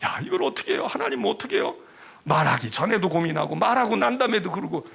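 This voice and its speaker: A man voicing an anguished male prophet pleading with God, torn and pleading, in a husky, raised voice. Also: on the high side, sing-song, fairly quick, fairly bright tone, heavily acted.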